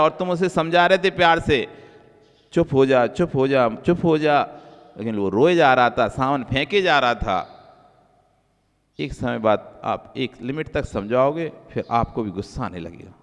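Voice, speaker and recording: Jain monk preaching in a reverberant hall. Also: male voice, moderate pace. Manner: repeats key phrases for emphasis; swings between soft low asides and raised emphatic lines. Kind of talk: sermon.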